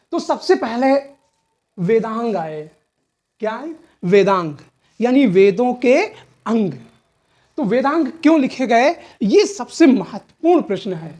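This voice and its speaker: A woman's voice: fairly high pitch, dark tone. A woman teaching a history lesson for exam preparation, with a north Indian Hindi accent. She asks questions and answers them herself, repeats key terms, and often checks in with "theek hai na". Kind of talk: exam-prep lecture.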